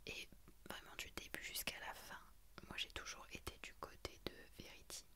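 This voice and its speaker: A young adult woman talks about books in a hushed, breathy library-style ASMR whisper, pausing hesitantly as she goes. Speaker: ASMR creator. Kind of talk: whispered ASMR book chat.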